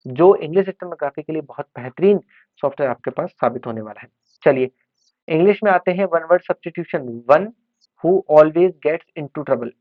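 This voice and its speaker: A man's voice: fairly high pitch, no room sound. A male teacher giving an exam-prep lesson, explaining terms and repeating words to drill them. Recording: dry, tinny phone-like sound.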